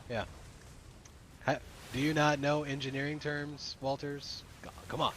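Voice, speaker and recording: A man's voice: fairly high pitch, little pitch movement, measured pace, fairly bright tone. Man, game roleplay ship officer, casual, swears, trails off, slight background noise. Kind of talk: casual in-character game chat.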